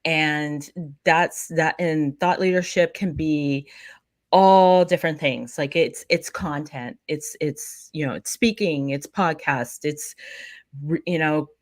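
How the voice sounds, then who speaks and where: A woman's voice: low-pitched, takes it slowly, no room sound, studio quality. A woman from Pennsylvania, a thought leadership coach, speaking as an upbeat interview guest who often repeats words as she goes. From Pennsylvania, USA. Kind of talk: conversational interview.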